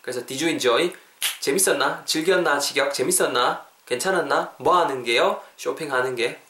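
Man, English lesson podcast host, slightly high voice, lively drills, roomy echo. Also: normal speed. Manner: lively, repeats drill phrases, playful skits.

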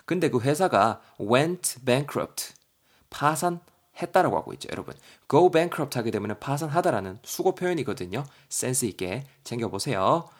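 A man teaching English vocabulary on a podcast, chatty and lively, spelling words out letter by letter. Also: medium pitch, normal speed.

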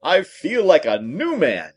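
A man voicing a friendly, brainless straw-stuffed scarecrow from a storybook, with a husky voice and a polite, earnest manner. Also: wildly swooping pitch, measured pace, full character voice. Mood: relieved, grateful. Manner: polite, earnest, wide swoops in pitch. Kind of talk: storybook character voice.

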